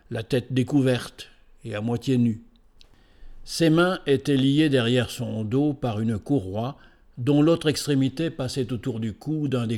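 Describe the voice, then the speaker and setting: A man giving scripted storybook narration in a steady, measured reading voice. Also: medium pitch.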